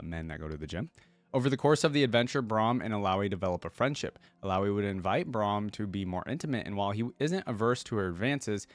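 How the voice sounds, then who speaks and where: A low-voiced man hosts casual reaction commentary, reading text aloud and commenting on it. He muses conversationally, thinking aloud, in a dry recording.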